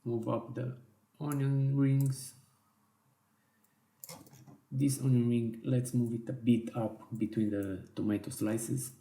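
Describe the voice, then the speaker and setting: A man teaching a software design tutorial in slow, step-by-step instructions with small self-corrections, his voice worn and going hoarse. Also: mid-range voice, little pitch movement, echoey room. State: losing his voice. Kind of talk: screen-recorded software tutorial.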